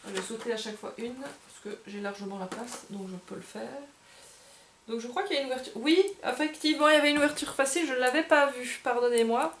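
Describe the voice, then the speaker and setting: A woman's voice: fairly high pitch, quick pace. A woman hosting a casual unboxing video for a game bar, chatting and hesitating as she sorts through cards. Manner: chatty, hesitant, self-correcting while handling cards. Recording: roomy with faint background noise.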